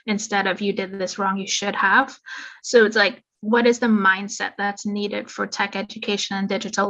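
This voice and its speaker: A woman speaking as a panelist in an online discussion, measured and reflective. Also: mid-range voice, pushed and bright, muffled recording. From Trinidad.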